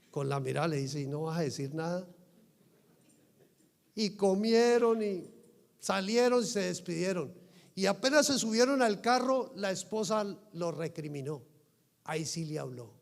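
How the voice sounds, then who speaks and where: A man preaching a sermon as pastor in a church, moving from soft quiet talk to loud fervent preaching. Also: high voice, creaky. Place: church sanctuary. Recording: long hall reverb.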